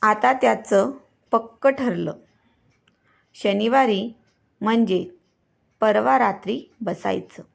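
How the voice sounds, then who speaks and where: Brief: a deliberate woman storyteller reading a mystery, slow with a gravelly edge. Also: mid-range voice. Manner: measured, deliberate narration.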